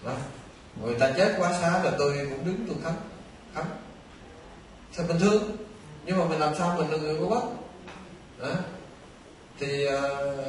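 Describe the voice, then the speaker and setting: An older Vietnamese man, a Buddhist monk, giving an animated storytelling dharma talk to a temple audience. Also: fairly high pitch. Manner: animated, conversational, addresses listeners often. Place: temple hall. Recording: echoey distant hall recording with faint noise.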